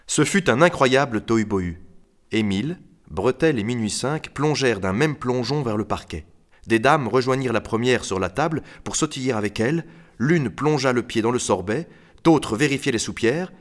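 Animated man reading a storybook. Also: mid-range voice, normal speed. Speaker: narrator. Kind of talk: audiobook narration with character voices.

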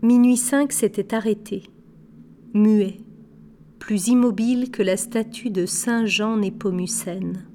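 A woman narrating a storybook aloud in a slow, measured way, lightly voicing the characters. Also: mid-range voice, steady tone, dark tone, slight background noise. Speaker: audiobook narrator. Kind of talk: scripted narration.

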